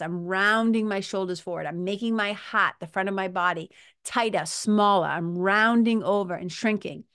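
A woman's voice: mid-range voice, clean tone, dry recording, studio quality. A woman speaking as a podcast host and coach, giving a casual, emphatic motivational talk to listeners in informal, salty language.

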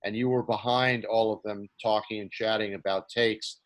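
A man's voice: on the low side, steady tone, normal speed. A man interviewing a guest, asking long, rambling questions with restarts. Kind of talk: casual interview conversation.

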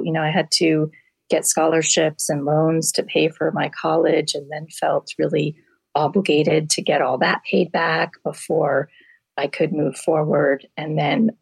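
Gravelly low-voiced woman doctor. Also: no room sound, low-quality recording. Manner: candid, explains with homely comparisons. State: hoarse from allergies. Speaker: family medicine doctor, guest. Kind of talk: casual interview answers.

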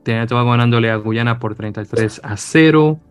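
A man's voice: mid-range voice, fast, clean tone, faint music behind. A man hosting a sports podcast in casual chat, rambling with many hesitations and restarts. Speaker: podcast host.

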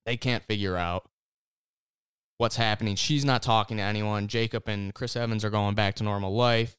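A man with a lowish, smooth and resonant voice chatting casually with friends. He walks through a story in a loose, rambling way, full of "like" and restarts. The sound is close and dry. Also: fairly even intonation, moderate pace, a bit bright, dry recording. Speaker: podcast host recapping a TV series. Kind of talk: casual chat.

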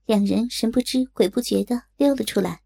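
A woman narrating a martial-arts audiobook in a measured, steady manner. Her voice is somewhat high, mellow and husky, with a gravelly edge. The recording is dry and close. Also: no room sound. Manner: measured, storytelling.

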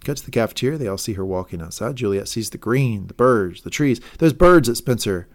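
A man with a fairly low voice co-hosts a casual podcast, walking through a TV episode scene by scene. He rambles and corrects himself as he goes, floating guesses about the plot. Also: expressive, fairly quick. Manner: rambling, self-correcting, speculative. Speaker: podcast co-host.

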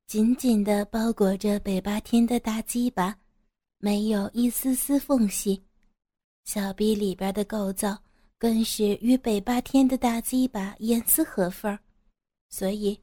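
A woman narrating an erotic audio story in a slow, even reading voice. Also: medium pitch, no room sound, studio quality.

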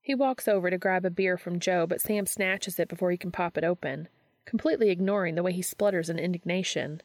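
A woman reading a fan story aloud in a steady storytelling narration. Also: lowish voice, fairly quick, no room sound. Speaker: fanfiction reader.

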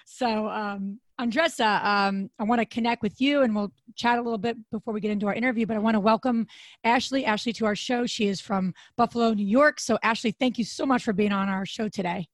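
A woman co-hosting a podcast in a casual chat, her voice raspy and hoarse, with a chatty manner full of restarts. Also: a little fast, no room sound. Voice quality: raspy, deep voice. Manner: chatty, frequent restarts and fillers. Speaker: podcast co-host.

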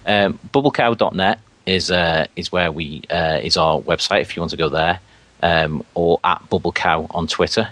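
A man's voice: deep voice, moderate pace, fairly bright tone, dry recording. A man with a Scouse accent, a guest chatting casually on a podcast in an earnest, chatty way.

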